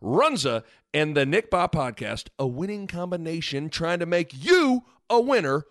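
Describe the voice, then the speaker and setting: A man's voice: a little high, sing-song, moderate pace, a bit bright, dry recording, clean studio sound. A man hosting a podcast reads an ad in an upbeat promotional announcer delivery. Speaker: podcast host. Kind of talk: podcast ad read.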